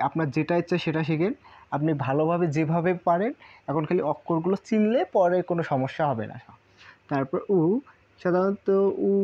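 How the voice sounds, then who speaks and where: Man drilling syllables, lo-fi sound. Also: on the high side. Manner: drills syllables in repeated lists, asks rhetorical questions. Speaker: Japanese language teacher. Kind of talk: casual spoken lesson at a whiteboard.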